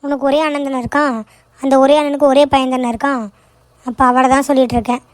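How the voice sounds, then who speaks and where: A woman's voice: high-pitched, level tone, fast, no room sound, close to an everyday voice. A woman voicing a frustrated young daughter in a cartoon, complaining in an exasperated, argumentative way. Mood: irritated. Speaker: daughter working in an office. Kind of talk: cartoon voice acting.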